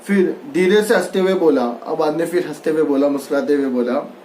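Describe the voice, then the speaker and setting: A man's voice: a little high, brisk, dark tone, a little hiss or hum. A man teaching a Hindi textbook lesson. He reads a line and then re-explains it loosely, mixing in English words. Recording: echoey room.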